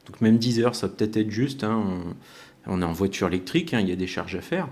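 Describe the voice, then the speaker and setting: This YouTube vlogger talks fast in a fairly low, darkish voice, giving casual walk-and-talk commentary to his audience, chatty and sprinkled with wry humor.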